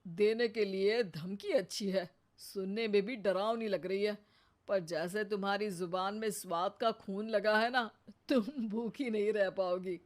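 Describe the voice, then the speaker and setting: A woman's voice: medium pitch, steady tone, a little slow, close to an everyday voice. A woman voicing a sarcastic older father-in-law in a cartoon, teasing his wife.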